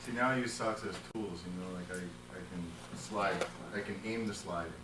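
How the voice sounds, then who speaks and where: A male massage instructor teaches in a playful, joking way, his voice caught from across an echoey classroom. Steady hiss and room noise sit under every word. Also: lowish voice, fairly quick, distant mic. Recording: roomy classroom taped from afar, noisy.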